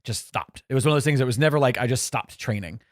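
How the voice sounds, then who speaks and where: A man, possibly in his forties, co-hosts a podcast, chatting casually in a rambling, self-correcting, joking way. His mid-range voice is fast. The recording is dry and studio quality.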